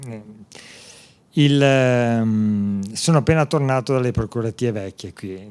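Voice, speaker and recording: Earnest man presenting his book. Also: medium pitch. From Venice area, Italy. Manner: earnest, emphatic, with rhetorical questions and restarts. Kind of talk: public talk at a book presentation.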